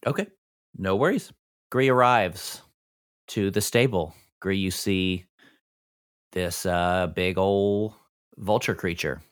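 A man's voice: low-pitched, takes it slowly, pauses often, smooth, no room sound, clean studio sound. A man narrating a tabletop role-playing game as game master, setting scenes in an informal, conversational way.

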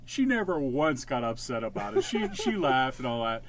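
A man's voice: mid-range voice, sing-song, moderate pace, crowd noise. A middle-aged man co-hosting a podcast, telling a story in a rambling, self-correcting way. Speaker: podcast co-host. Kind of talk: casual chat.

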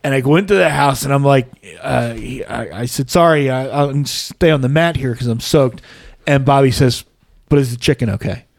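A man's voice: medium pitch, normal speed, creaky, no room sound. Man telling rambling stories on a podcast. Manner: rambling anecdotes with self-mocking humor. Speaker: podcast co-host. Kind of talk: casual chat, storytelling. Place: podcast studio. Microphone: podcast mic.

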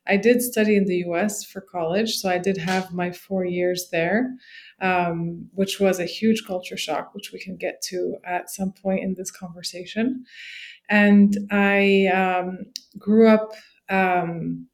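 Low-pitched woman from Morocco, relaxed. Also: slow pace. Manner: friendly, relaxed storytelling with fillers. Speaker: guest. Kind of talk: casual interview chat.

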